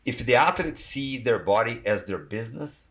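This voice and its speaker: A man's voice: medium pitch, animated, normal speed, fairly bright tone. A middle-aged man from Brazil with a Brazilian accent, speaking English, talking casually in a podcast interview and filling his speech with "you know" and "like". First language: Portuguese. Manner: rambling, many "you know, like" fillers. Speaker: guest, athletic trainer.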